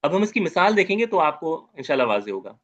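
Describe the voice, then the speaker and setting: A man with a fairly high voice teaches Arabic grammar in an online lecture. He drills each term over and over and keeps checking in with his students. The recording is dull and lo-fi. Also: very animated, fast talker. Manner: repetitive, drilling Arabic terms with questions to students.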